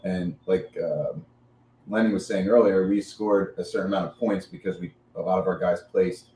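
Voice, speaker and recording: A man's voice: low voice, steady tone, normal speed, warm tone. A man answering listener questions about jiu-jitsu on a podcast, laid-back and hesitant with many fillers. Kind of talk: casual podcast chat. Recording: echoey room with faint noise.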